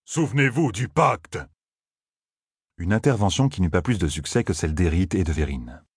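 A man narrating an audiobook in a steady, measured reading voice. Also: deep voice, breathy edge, dry recording, clean studio sound.

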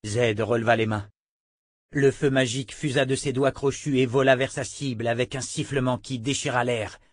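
A man's voice: mid-range voice, steady tone, normal speed, no echo. Man reading fantasy in a dry booth. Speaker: audiobook narrator. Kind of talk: scripted fantasy narration.

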